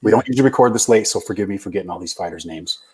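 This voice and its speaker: A man co-hosting a podcast, chatting in a relaxed, self-deprecating way about fights. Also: lowish voice, very fast, husky. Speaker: podcast co-host. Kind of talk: casual fight recap chat.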